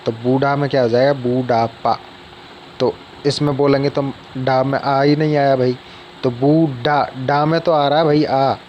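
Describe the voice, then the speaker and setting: A man's voice: medium pitch, a little mellow, slight background noise. A man giving a casual spoken Hindi grammar lesson, explaining step by step and often asking the viewer questions.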